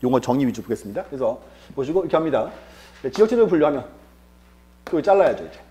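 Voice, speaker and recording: A man's voice: mid-range voice, expressive, fast, dark tone. A male lecturer teaching an exam-prep class, asking rhetorical questions and answering them himself, repeating key terms for emphasis.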